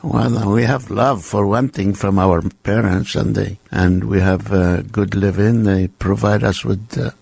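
Older Lebanese-born man, deep voice, dry sound, plain unhurried guest. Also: fairly even intonation, creaky, darkish tone, slightly rough, no echo. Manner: plain, unhurried, with short agreeing replies. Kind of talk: casual interview chat.

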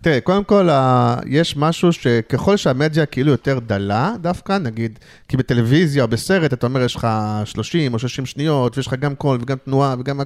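A man talking as a guest in a casual interview, hesitant, with many fillers and restarts. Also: mid-range voice. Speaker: guest, advertising creative.

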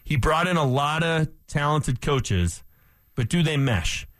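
A man's voice: a little high, lively intonation, a little slow, a bit bright, no echo. A male sports radio co-host in casual talk, making skeptical points one after another with emphasis. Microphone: studio microphone. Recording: dry close studio sound.

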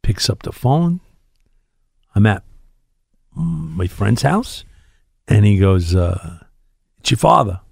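A man in his sixties with a gravelly, creaky edge and lively, swinging pitch. He tells stories in a casual, blunt, streetwise way, recorded close and dry. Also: takes it slowly, pauses often, no room sound. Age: 60s. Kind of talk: casual chat, anecdotes.

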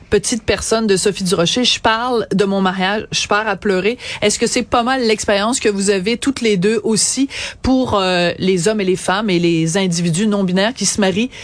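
A woman with a Québécois accent hosting a radio interview, chatty and effusive with personal asides. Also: mid-range voice. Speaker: radio host.

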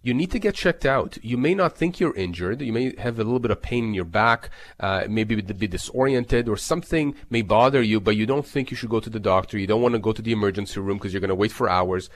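A man's voice: on the low side, quick pace, few pauses. A man giving explanatory legal advice as an expert on a talk show, stressing and restating his key points.

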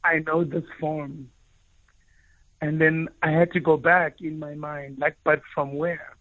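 Over a tinny, phone-like connection with no echo, a South African author whose mother tongue is Afrikaans tells his own story as a guest. His voice is a little high and level, and he talks slowly. He is earnest and reflective, repeatedly restarting phrases as he searches for words.

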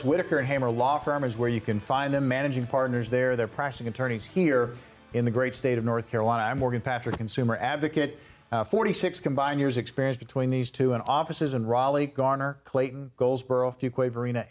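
A man hosting a radio show in a smooth announcer manner with a lilt. His pitch sits in the middle range. He shifts into easy chat with his guests. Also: fairly even intonation, a little fast, faint music behind. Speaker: radio show host, consumer advocate.

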